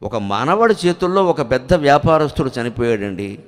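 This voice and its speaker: A man's voice: mid-range voice, big pitch swings, moderate pace. Older male orator, dramatic, chants verses; echoey temple hall. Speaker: spiritual orator. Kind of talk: Telugu religious discourse. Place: temple hall before a large crowd.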